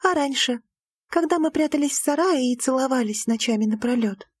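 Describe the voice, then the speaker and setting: A woman reading an audiobook, voicing a naive, devoted young bride in a higher, earnest, emotional tone. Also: fairly quick, breathy edge, no echo.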